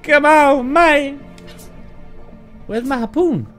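Speaking slowly in an extremely high, slightly bright voice, a gameplay streamer in his thirties narrates a casual let's play from home. His Texas drawl is put on, he swears freely, addresses viewers directly, and has frustrated outbursts, all over game music.

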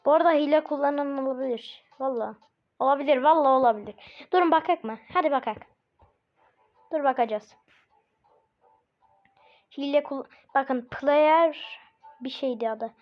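A woman hosting casual gameplay commentary, chatty and bursting into excited shouts at the game. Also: high voice, moderate pace, long pauses. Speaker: gaming channel host. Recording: muffled lo-fi recording with faint game music.

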